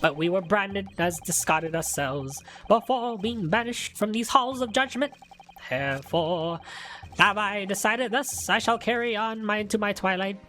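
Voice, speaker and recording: A very old shopkeeper from a video game, played by a man reading aloud, speaks in a halting, repetitive way. He is frail, easily flustered and long-winded, with faint music behind him. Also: high voice, pushed and bright, voice pushed up. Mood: solemn.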